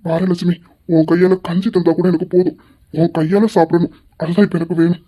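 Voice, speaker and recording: A man playing a gentle, remorseful older husband. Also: high-pitched, flat delivery, brisk. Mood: tender. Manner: soft, earnest and pleading. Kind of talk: Tamil audio drama acting.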